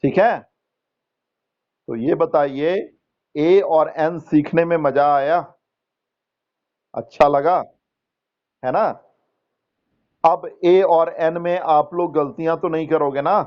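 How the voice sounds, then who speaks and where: A man with a fairly high voice teaches a grammar lesson over an online class call, speaking slowly and deliberately. He quizzes his students one by one and explains each answer step by step, mixing Hindi with English terms. The call audio sounds dull and lo-fi. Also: steady tone.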